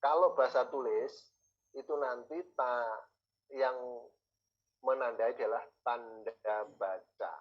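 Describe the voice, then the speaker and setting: A man's voice: mid-range voice, takes it slowly, long pauses, muffled recording. A man teaching a university class, repeating key words and asking his students questions. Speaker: university lecturer. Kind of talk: classroom lecture.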